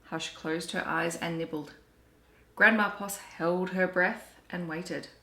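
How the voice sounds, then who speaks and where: An Australian woman reading children's storybooks aloud in an animated, deliberate storytelling way. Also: fairly low pitch. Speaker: children's story reader and book vlogger. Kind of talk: expressive storybook read-aloud. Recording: roomy, echoey home recording.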